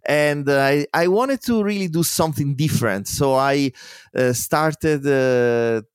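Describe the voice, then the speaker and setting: This is an Italian-accented man in his forties, chatting as an interview guest. His voice sits a bit high for a man and sounds dry and close. He laughs often, and his stories are full of fillers and restarts. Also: unhurried, clean tone, dry recording. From Italy. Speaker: guest, musician and programmer. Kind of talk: casual interview talk.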